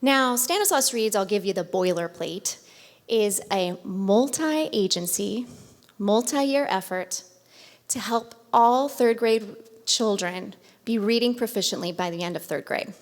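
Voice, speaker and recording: A woman's voice: mid-range voice, unhurried. A woman from California giving an earnest, upbeat talk as guest speaker at a community event. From Modesto, California. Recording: long reverb of a large hall.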